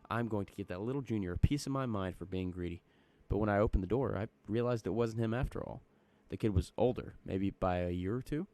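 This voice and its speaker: A man's voice: deep voice, mellow. A man reading a horror story aloud in a folksy, chatty storytelling manner. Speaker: narrator.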